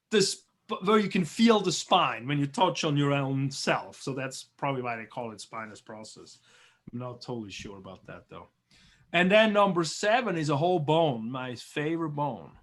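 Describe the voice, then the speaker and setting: This man, a biology teacher from Switzerland, runs a class review on a video call. He speaks in a fairly bright voice that is a touch high for a man. Chatty and encouraging, he pronounces terms slowly and says them several times.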